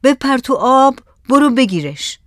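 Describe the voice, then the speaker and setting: A woman's voice: high voice, sing-song, no echo, voice pushed up. A woman voicing a pensive, wary adult fisherman in a read-aloud story, musing in a dry, close voice. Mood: urgent.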